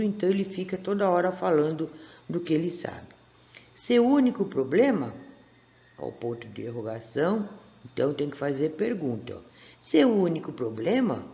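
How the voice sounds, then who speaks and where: A primary school teacher with a Brazilian Portuguese accent records a remote class for first graders, her camera aimed at a workbook. She patiently stretches out syllables and asks the class questions. Her female voice is deep, gravelly and dark, and the sound is reverberant and lo-fi.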